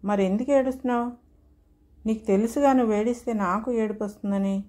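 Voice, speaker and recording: A woman's voice: a little high, steady tone, a little fast, warm tone, natural voice. A woman voicing an older grandmother who soothes her crying grandson. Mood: soothing. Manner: soothing, coaxing.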